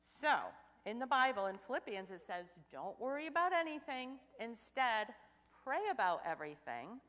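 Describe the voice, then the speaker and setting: A young woman giving a children's sermon in church, asking the children questions in an animated way. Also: medium pitch. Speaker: children's message leader. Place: church sanctuary. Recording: church hall reverb.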